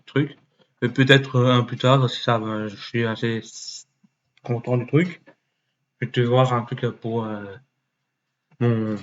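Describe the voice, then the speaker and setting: A man thinking aloud as he clicks through a website, muttering and swearing under his breath, with many fillers and sudden jumps into a mock high voice. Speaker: YouTuber. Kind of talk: casual screen-recording commentary. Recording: dull lo-fi mic with faint noise.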